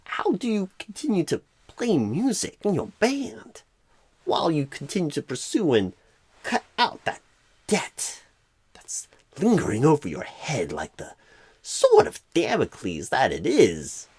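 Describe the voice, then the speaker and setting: In an ASMR roleplay, a man plays a clueless, rambling, eccentric job recruiter, halting oddly mid-phrase in a breathy, husky, fairly high voice that often sinks to a whisper. His heavily acted delivery swings hugely in pitch, sounds a little mellow and earnest, and has no room sound.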